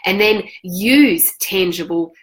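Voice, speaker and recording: An earnest woman talks directly to her viewers in a motivational vlog. She keeps a steady, measured delivery at an ordinary middle pitch and often turns to the audience with rhetorical questions. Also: rough recording. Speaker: self-help author and women's coach. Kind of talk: direct-to-camera motivational talk.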